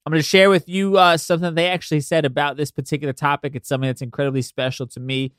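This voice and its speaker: A man with a stuffy, nasal voice talks as a podcast host. His voice sits fairly high and is otherwise clean, recorded dry and close. He is informal and sweary, chatting straight to the listener. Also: level tone, rapid-fire, a bit bright, smooth, no echo. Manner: informal, sweary, conversational asides. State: congested from allergies. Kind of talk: casual podcast monologue.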